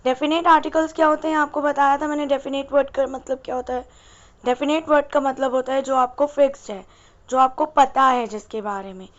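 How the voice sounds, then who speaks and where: A woman's voice: high voice, fairly even intonation, fairly quick, dull audio. A woman teacher giving an exam-prep English grammar lesson, asking the class questions and answering them herself.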